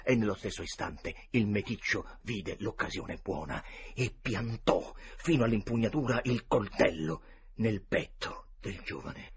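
A man narrating a classic adventure novel aloud in a dramatic, expressive reading. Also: medium pitch. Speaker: reader. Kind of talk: storybook narration.

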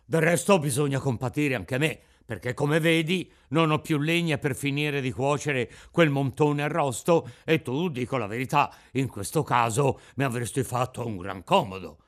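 A man voicing a gruff, bearded puppet-master, loud and rasping, who blusters but is soft-hearted. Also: medium pitch, moderate pace, few pauses, lightly acted. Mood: grumbling. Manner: blustering, sneezing fits. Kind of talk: audiobook reading.

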